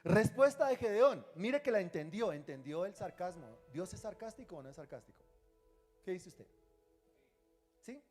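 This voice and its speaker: A male pastor preaching a sermon in a lively, teasing way, often putting questions to the congregation. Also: high-pitched, moderate pace, soft background music.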